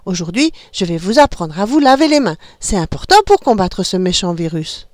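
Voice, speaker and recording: A woman's voice: lowish voice, sing-song, normal speed, no echo, studio quality. A woman voicing a friendly, upbeat father who explains things patiently to his children over a video call. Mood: encouraging. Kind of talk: storybook reading.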